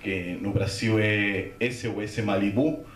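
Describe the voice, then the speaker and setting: A man giving a Spiritist lecture, telling a story and acting out the voices with gasps and shouts. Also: fairly low pitch, fairly even intonation, slow, slight background noise. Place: lecture hall. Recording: echoey hall, from far off.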